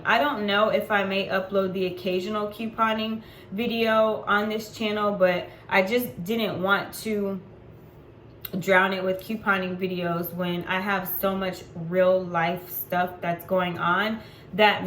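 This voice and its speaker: A woman's voice: medium pitch, fairly bright tone. Woman in her 40s vlogging, chatty and unfiltered, lots of ums, echoey room, faint hum behind. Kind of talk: casual personal vlog.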